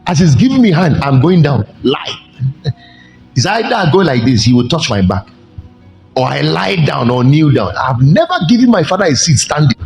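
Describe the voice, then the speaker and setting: Male pastor, lively preaching voice, big pitch leaps, echoey hall with faint music behind. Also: creaky. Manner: animated preaching with sudden pitch jumps and slow emphatic stretches. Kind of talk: sermon.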